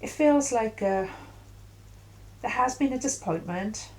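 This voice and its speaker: A middle-aged woman giving an intuitive tarot reading in a musing, halting way with many fillers. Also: fairly high pitch, expressive, rough recording. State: coughing at times. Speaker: tarot reader.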